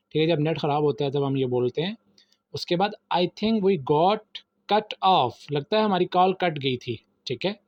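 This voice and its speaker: A man's voice: on the high side, darkish tone, no echo. Pakistani man teaching English phrases. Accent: Pakistani Urdu. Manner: reads English phrases slowly, then explains them in Urdu. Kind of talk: vocabulary lesson. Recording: dry, slightly muffled voice-over.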